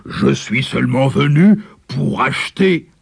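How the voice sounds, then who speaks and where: A man's voice: mid-range voice, big pitch swings, a little slow, vocal fry, breathy edge, no room sound, clean studio sound, full character voice. A man voicing a sly, greedy tiger in a storybook, purring and scheming as he talks. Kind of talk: storybook character voice.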